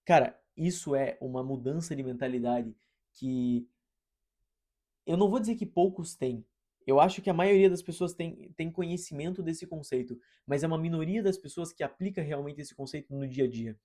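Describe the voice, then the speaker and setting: A young Brazilian man talks straight to his listeners in a loose, slangy monologue, his voice sitting a bit high for a man. He tells the story with lively energy and keeps dropping casual asides like a friend chatting. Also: normal speed. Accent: Brazilian Portuguese. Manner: slangy, animated, addresses listeners as "irmão" and "mano". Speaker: host.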